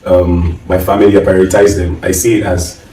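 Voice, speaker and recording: A man with a Nigerian accent speaking conversationally on a panel, halting and repeating phrases for emphasis. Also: low voice, little pitch movement, warm tone. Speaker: panel guest, music minister. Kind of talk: conversational testimony and advice. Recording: echoey room, distant microphone.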